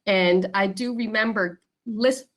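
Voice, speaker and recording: A woman's voice: mid-range voice, slow pace. A woman from the United States answering questions on a video call, hesitant and full of fillers. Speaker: workshop participant. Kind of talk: casual conversation on a video call.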